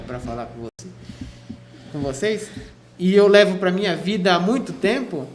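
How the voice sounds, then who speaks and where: A man from São state, telling his story as a guest on a radio interview, chatty, with many restarts. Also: sits high. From Cubatão, São Paulo state, Brazil. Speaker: guest, physical education teacher. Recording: echoey room with faint noise.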